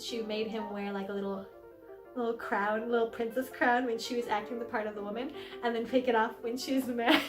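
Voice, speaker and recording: A young woman singer explaining a song in a casual lesson, animated and giggly, acting out lines dramatically. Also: on the high side. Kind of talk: casual music lesson vlog. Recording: echoey room with soft piano music.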